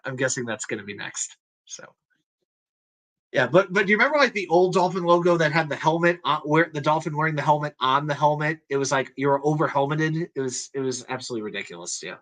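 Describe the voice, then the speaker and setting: Bright-voiced man hosting sports talk. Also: on the high side, animated, fast talker. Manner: chatty, hesitant with many fillers. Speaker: sports show host. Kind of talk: live-stream sports talk.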